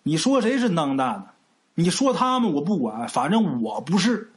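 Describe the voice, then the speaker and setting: A man's voice: on the high side, big pitch swings, moderate pace. A man voicing a brash, cocky young village man with a sly, taunting drawl.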